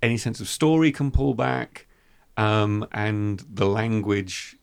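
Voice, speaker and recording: A low, gravelly man hosts a book podcast in a dry, close-miked sound. He talks in thoughtful, halting runs, restarting phrases as he works out an idea. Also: dry recording. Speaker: podcast host. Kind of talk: literary discussion.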